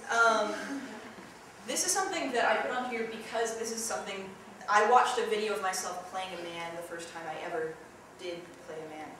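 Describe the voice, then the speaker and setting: A young woman runs an acting workshop, chatting through tips and jumping into demonstrations. She is picked up from across a big room, so her voice rings with heavy echo. A steady hiss of noise sits under the whole recording. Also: medium pitch, normal speed. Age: young adult. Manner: chatty, demonstrative, jumps into loud yelled examples. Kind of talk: teaching a theatre workshop. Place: large echoey room. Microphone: distant camera mic. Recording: echoey room from far off, noisy.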